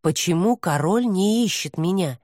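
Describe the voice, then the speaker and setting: A woman voicing a stubborn young priestess who talks in a sharp, defiant way in an audiobook. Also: lowish voice, animated, normal speed, no room sound, clean studio sound. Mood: questioning.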